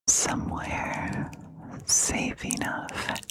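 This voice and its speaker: A woman whispering softly and breathily into a close ear-to-ear microphone in a chatty ASMR style, in short, halting phrases. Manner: slow, halting, short phrases with long pauses. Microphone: close ear-to-ear stereo ASMR microphone.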